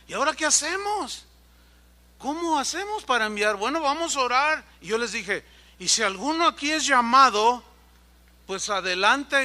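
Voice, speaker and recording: Animated high-voiced pastor preaching. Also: male voice. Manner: animated, acts out dialogue in quoted voices. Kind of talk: sermon.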